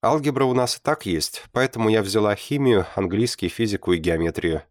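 A man voicing a shy teenage schoolgirl who answers her classmate softly and bashfully. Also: lowish voice, brisk, dry recording, studio quality, pitched above the performer's own voice, lightly acted. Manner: soft, bashful replies. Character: shy teenage girl, classmate, quietly teasing.

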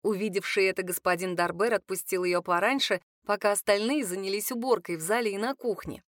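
A woman reading a first-person audiobook with even, expressive storytelling. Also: medium pitch, a little fast, no echo, studio quality. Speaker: audiobook narrator.

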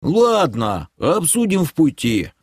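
Male reader doing an eccentric old creature grandpa, high and slow, lively, easygoing audiobook voice. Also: breathy edge, dry recording, clean studio sound, full character voice. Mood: brisk. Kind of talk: audiobook character voice.

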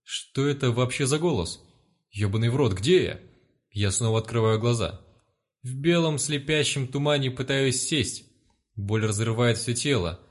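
A male storyteller narrates in the first person. His delivery is blunt and sardonic, heavy with swearing. His pitch sits right in the middle for a man. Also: moderate pace. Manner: crude, profane, sardonic.

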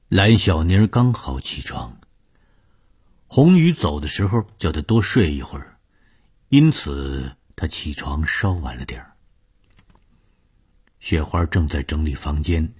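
A man narrating a long-form story in a measured, expressive storytelling style. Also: extremely low pitch, slightly rough.

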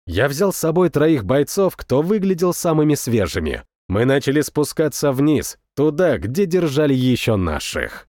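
Male audiobook narrator, fairly high voice, animated intonation, dramatic first-person reading, dry close sound. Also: normal speed, hardly any pauses, no echo.

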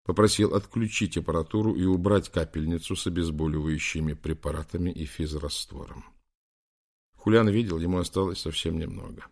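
Deep, gravelly male audiobook narrator. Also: a little fast, a little mellow. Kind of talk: scripted narration.

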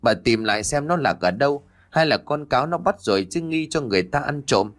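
A man voicing a calm, sensible middle-aged village wife who reasons with her husband and neighbor, over faint background music. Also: mid-range voice, a little fast, lightly acted. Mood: firm. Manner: soothing, reasoning tone.

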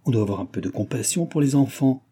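A man's voice: mid-range voice, animated, quick pace, warm tone, slightly rough, pitched above the performer's own voice. Man playing a brusque impatient village judge. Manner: brusque, commanding.

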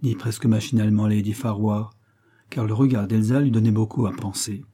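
A man narrating a French novel as an audiobook in a steady, even storytelling manner. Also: lowish voice, brisk, husky. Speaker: audiobook reader.

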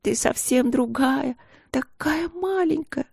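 A woman's voice: sits high, takes it slowly, creaky, darkish tone, no room sound, studio quality, pitched above the performer's own voice, full character voice. A woman doing a sobbing little sister. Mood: tearful. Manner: sobbing, pleading. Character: tearful little girl, youngest sister.

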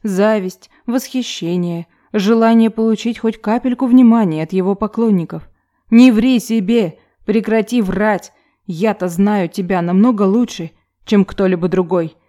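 A woman's voice: medium pitch, measured pace, mellow, close to an everyday voice. A woman voicing a grown woman who harshly scolds her younger self in an audiobook. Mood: stern. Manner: harsh, reproachful lecturing. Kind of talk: audiobook character reading.

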